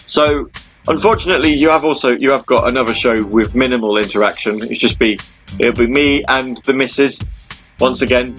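A man's voice: mid-range voice, a bit bright. A man in his thirties hosting an internet radio show, rambling chattily with lots of ums and restarts. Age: 30s. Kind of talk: casual chat.

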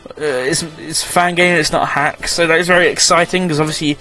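A man's voice: on the high side, steady tone, fast talker, bright, forceful tone, faint music behind. A man hosting a radio show, chatting casually through a news roundup, rambling, correcting himself and joking sarcastically.

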